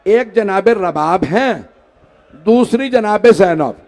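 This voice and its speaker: A man's voice: sits high, lively intonation, takes it slowly, darkish tone. A man reciting a mournful religious sermon, pleading with the gathering and rising into wailing lament. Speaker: majlis orator. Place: mosque hall.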